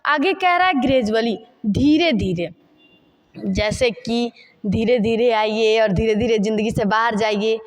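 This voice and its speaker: A woman teaching spoken English in Hindi, repeating each phrase slowly while she writes out the examples. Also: on the high side.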